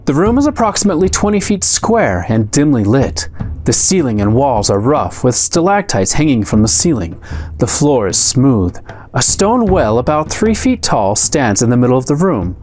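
A man's voice: mid-range voice, sing-song, normal speed, a little mellow. A man reading an adventure gamebook aloud, narrating in a dramatic storytelling manner as the regular host. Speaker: storybook reader.

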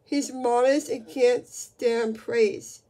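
A woman reading the lines of an excitable male farmer who is proud of his pig, speaking in an earnest, hurried way. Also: a little high. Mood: flustered.

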